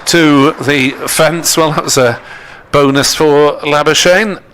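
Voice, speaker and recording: A man giving live ball-by-ball cricket commentary in a measured, descriptive way. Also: a little high, fairly bright tone.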